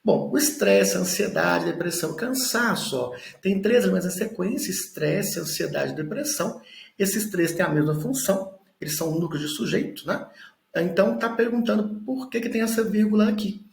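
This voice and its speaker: A man leads an exam-prep lesson, walking through each point slowly and pausing to check understanding. His voice sits a little high and carries heavy fry. The room around him rings with echo. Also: expressive. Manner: explains step by step, tags lines with "né?". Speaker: teacher. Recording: echoey room.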